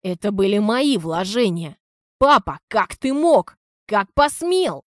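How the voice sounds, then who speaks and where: A woman's voice: mid-range voice, big pitch swings, slow pace, no echo, studio quality. A woman reading an audiobook, voicing an angry adult son who roars threats. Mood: furious. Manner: roaring threats.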